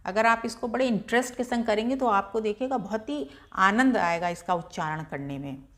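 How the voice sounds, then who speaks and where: A woman teaching children, speaking each syllable slowly and clearly for them to repeat. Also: mid-range voice, fairly bright tone. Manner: slow, carefully drawn-out syllables for pupils to repeat. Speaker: Hindi teacher. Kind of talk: slow, clear lesson for children.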